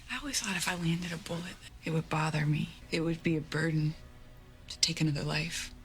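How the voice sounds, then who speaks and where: A gravelly, blunt tough woman. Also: deep voice, fairly even intonation, a little fast, soft background music, full character voice. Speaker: TV drama character.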